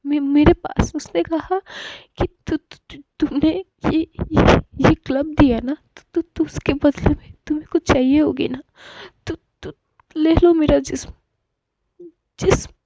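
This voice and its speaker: Woman putting on a heartbroken young girl sobbing out her hurt, high voice, dull dry recording. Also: fairly even intonation, a little slow, mellow, no echo. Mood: anguished. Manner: raised, tearful outbursts.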